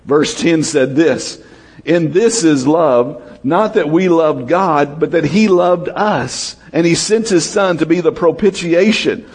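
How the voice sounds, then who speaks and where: Pastor, male, husky and fairly high voice, unhurried delivery, lively congregational preaching. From United States. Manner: lively preaching, calls out to the congregation, rises to shouts and drops low. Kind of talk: sermon.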